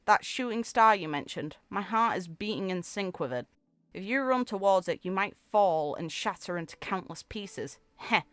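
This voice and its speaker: With an expressive mid-range voice at a moderate pace, a female gaming video creator reads character lore aloud and comments casually. There's no echo, though background music plays under her.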